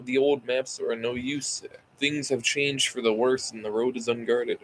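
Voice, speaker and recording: A man's voice: medium pitch, flat delivery, moderate pace, a little hiss or hum, poor audio. A tired man casually reading a novel aloud as an amateur audiobook, sighing between phrases and stumbling over words before correcting himself.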